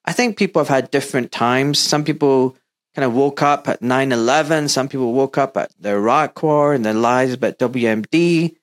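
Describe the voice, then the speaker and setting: A surgeon in his fifties from Glasgow, Scotland, appears as an interview guest and tells his story earnestly and emphatically. He has a mild Scottish accent and a mid-range voice at normal speed, and the talk is candid.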